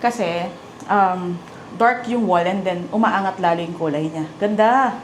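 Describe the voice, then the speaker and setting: A woman's voice: on the low side, unhurried, a little hiss or hum. A woman with a Filipino accent hosting a house tour, chatty and enthusiastic, exclaiming often as she walks through rooms. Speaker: property tour host.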